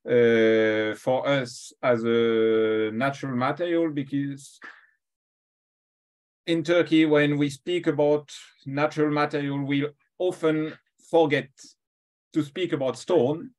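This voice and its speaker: A man's voice: mid-range voice, fairly even intonation, slow, a little mellow. Hesitant male webinar moderator. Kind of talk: unscripted introduction of a guest.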